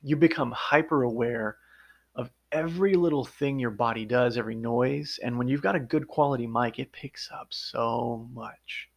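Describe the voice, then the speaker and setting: With a medium-pitched voice marked by vocal fry, a man speaks at normal speed on his own podcast. Alone at the mic, he walks conversationally and earnestly through his audiobook narration work, one step at a time.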